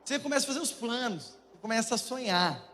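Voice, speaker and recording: Fast-talking Brazilian preacher man. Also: very high-pitched. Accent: Brazilian Portuguese. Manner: jokey, animated storytelling to a congregation. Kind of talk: humorous sermon storytelling. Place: church auditorium. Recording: long church hall reverb, faint noise.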